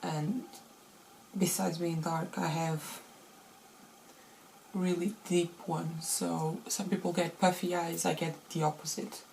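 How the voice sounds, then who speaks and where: A woman's voice: lowish voice, level tone, slow, gravelly, a little mellow, a little hiss or hum, rough recording. Woman vlogger with a rusty morning voice. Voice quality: slightly rusty, unused morning voice. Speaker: beauty vlogger. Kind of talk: casual chatty makeup tutorial.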